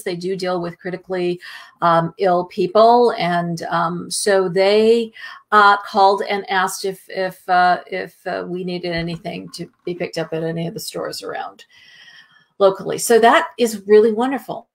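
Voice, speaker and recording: A woman nutritionist co-hosting a casual live health show, rambling with many pauses and ums. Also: on the low side, steady tone. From Southern California. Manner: rambling, warm filler-heavy talk with many ums. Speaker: co-host, nutritionist. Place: home, remote video call.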